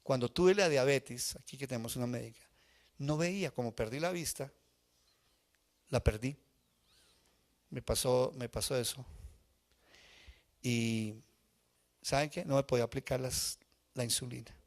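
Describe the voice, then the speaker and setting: A man's voice: medium pitch, unhurried, long pauses. A male pastor preaching a live sermon in church, telling a personal story with feeling and asking the congregation questions. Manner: emotional personal testimony, asks the congregation questions. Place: church sanctuary before a congregation.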